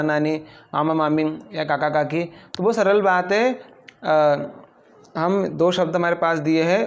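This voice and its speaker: A man's voice: on the high side, dull audio. A man from India, teaching a vocabulary lesson and often quizzing the class with repeated questions. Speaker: English teacher.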